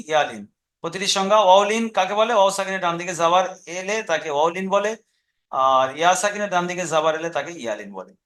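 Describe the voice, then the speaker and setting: A man with an Indian Bengali accent leads a recorded reading lesson at a brisk clip, his voice pitched slightly high. He explains rules patiently and often repeats them, slowing down to spell out sounds one by one. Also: a bit bright. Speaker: Quran reading teacher.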